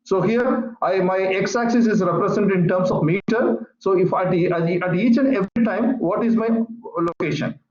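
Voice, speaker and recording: A man teaching a physics lesson over an online call, explaining slowly and patiently with many repetitions. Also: high-pitched, darkish tone. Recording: echoey, muffled online call audio.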